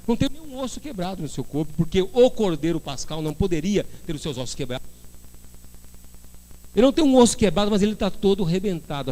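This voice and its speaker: A man's voice: a little high, warm tone. A male pastor preaching a sermon, firing rhetorical questions and rising into fervent bursts.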